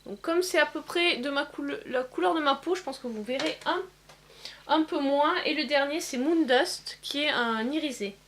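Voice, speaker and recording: A woman demonstrating eyeshadow swatches in a casual vlog, pausing often with fillers. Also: sits high, a bit bright, a little hiss or hum. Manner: hesitant, many filler pauses. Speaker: beauty vlogger. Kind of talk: casual makeup swatch demo.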